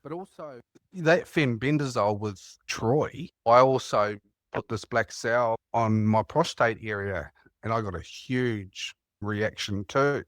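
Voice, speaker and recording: A man's voice: mid-range voice, slow pace, dry recording, clean studio sound. A man from New Zealand with a New Zealand accent, calling in and telling rambling stories in a casual chat. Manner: rambling, anecdotal storytelling with laughs. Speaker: caller.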